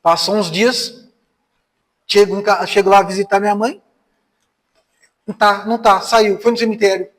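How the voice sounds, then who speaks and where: A man's voice: sits high, little pitch movement, moderate pace, long pauses, fairly bright tone. A Brazilian man giving a spiritist lecture, telling personal stories in a conversational way and asking the audience rhetorical questions. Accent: Brazilian Portuguese. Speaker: spiritist speaker. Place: spiritist center hall. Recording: reverberant hall.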